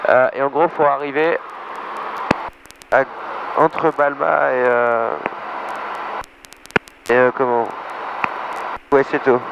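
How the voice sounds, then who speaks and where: Male pilot talking over loud cockpit noise. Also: mid-range voice, steady tone, slow pace, gravelly, long pauses, dull audio. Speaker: pilot narrating his flight. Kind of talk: casual cockpit commentary and radio calls. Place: small aircraft cockpit in flight.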